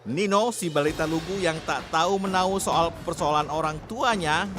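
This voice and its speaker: A man narrating a crime news reenactment in a grave, measured manner. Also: a little high, background noise. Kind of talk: scripted crime report narration.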